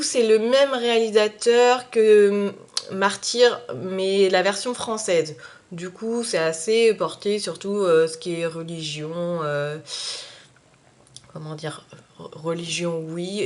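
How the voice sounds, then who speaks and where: A young woman talks casually to her viewers in a vlog, pausing often with fillers as she searches for words. Her phrases fade softly at the ends, and her voice sits at an ordinary middle pitch. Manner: hesitant, full of "euh" fillers; phrases trailing off quietly. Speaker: YouTube vlogger. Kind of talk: casual chat.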